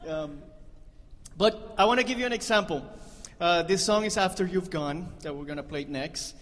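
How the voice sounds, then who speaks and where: Between songs, a band leader banters with the audience in a high-pitched, fairly bright voice at normal speed. He's chatty and cracks up at his own jokes, with the sound echoing in a live concert hall.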